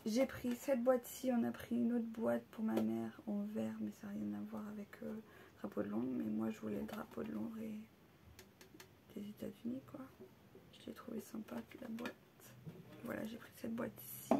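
A woman casually showing off souvenirs she bought on a trip, hesitant, with many pauses and fillers, and often dropping into soft half-whispers. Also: on the high side, creaky, slight background noise. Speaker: vlogger showing a shopping haul. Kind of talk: casual haul video.

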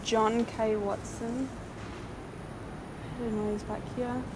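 A young woman hosts a casual paranormal vlog, exploring a cemetery at night and chattily reading names from headstones. Her voice is a little high and level, her pace slow, and the outdoor recording is noisy.

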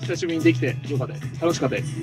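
A man's voice: on the high side, rapid-fire, over music. A man, a soccer player guest, chatting modestly on an outdoor festival stage into a handheld mic, laughing a little at himself. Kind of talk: casual stage talk.

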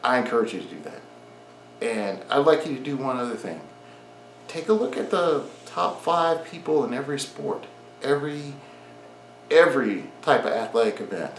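A fitness vlogger in his forties gives earnest training advice directly to the camera from his home garage gym, encouragingly repeating his key points. His medium-pitched voice is sing-song at a moderate pace, and the poor audio has a roomy sound with slight background noise.

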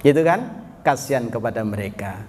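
An Islamic preacher with a medium-pitched, animated, slightly mellow voice delivers a storytelling sermon to a study group at normal speed. He chats with the audience, asks them questions, and calls them sir. The recording has long hall reverb and faint background noise.

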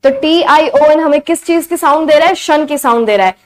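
A young woman teaching beginner phonics, repeating each sound slowly and clearly. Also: high-pitched. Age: young adult. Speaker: English teacher.

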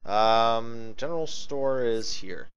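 Taking it slowly, a man with a medium pitch and a clear, resonant tone provides casual live commentary on a video game he's playing, thinking aloud, swearing and chatting with viewers. The audio is dull, and game music plays in the background.

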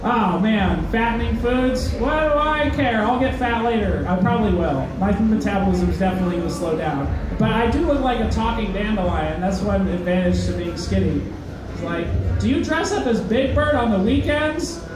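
A man's voice: sits high, animated, moderate pace, noisy background. A young man doing a stand-up set in a comedy club, self-deprecating and hesitant, with lots of uhs. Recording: echoey club, mic heard from far off. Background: crowd laughter and heckles.

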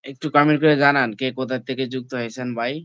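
A man hosts a casual live stream from his phone. His voice comes through smooth and clear, with a dry, close sound and no room echo. He keeps nudging viewers, calling them brother and friends. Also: mid-range voice, steady tone, quick pace, pushed and bright, dull audio. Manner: repeatedly asks viewers to comment and like. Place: indoors, at home.

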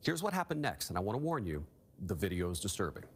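A middle-aged man with a low-pitched, sing-song voice talks fast as a television correspondent delivering a broadcast news report from a TV news studio. The clip is a noisy replay of the news broadcast.

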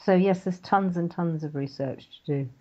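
An older woman from England talks about her writing as a radio interview guest, with a lowish voice. She is chatty and animated and often laughs. The sound is dull and lo-fi. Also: normal speed. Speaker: author guest. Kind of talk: casual interview chat.

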